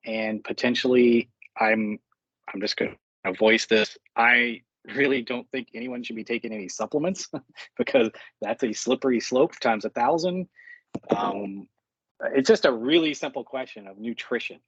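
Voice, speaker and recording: Brief: casual male questioner, slightly husky, hesitant, dry dull recording. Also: medium pitch, normal speed, a bit bright, dry recording. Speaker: questioner in team discussion. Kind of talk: casual team talk.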